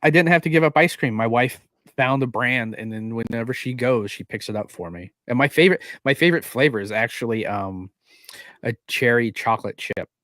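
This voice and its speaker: A man's voice: medium pitch, expressive, a bit bright, dry recording. Dude cohosting a stream, keeps tripping over his first words, dry mic. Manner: halting, repeats words when starting a sentence. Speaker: podcast co-host. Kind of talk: casual chat on a livestreamed podcast.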